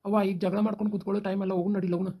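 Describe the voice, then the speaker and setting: A woman's voice: medium pitch, little pitch movement, dark tone, slightly rough. A woman voicing a worried, reasonable village father with a North Karnataka accent in a cartoon. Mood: placating. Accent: North Karnataka Kannada. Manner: placating, hurried.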